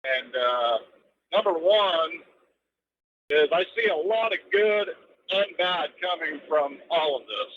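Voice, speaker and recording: A man's voice: a little high, lively intonation, slow. A man calling a radio talk show on the phone while driving a truck, rambling earnestly through his points in casual chat. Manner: rambling and earnest, piles up points with many ums. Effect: phone call from a moving truck. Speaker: radio call-in caller. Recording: muffled lo-fi phone line from a moving truck. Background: road and vehicle noise.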